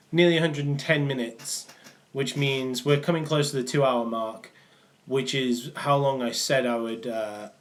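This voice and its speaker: In a small room indoors, a young man answers chat during a casual live stream, speaking loosely in a mid-range voice with many ums and restarts. He comes from the Manchester area of England, and his partly worn-off Mancunian accent drifts in and out.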